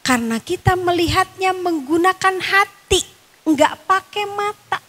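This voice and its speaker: A woman with a Sundanese accent teaching a Quran study class, quizzing the women listening with questions and chanting Arabic verses slowly. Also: extremely high pitch, animated, fairly bright tone. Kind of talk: religious study lecture. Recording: long reverb, echoing hall.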